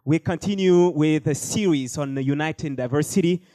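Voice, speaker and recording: A man's voice: on the high side, moderate pace, dark tone, no room sound. A man hosting a panel discussion, speaking with frequent hesitations and fillers. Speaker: host.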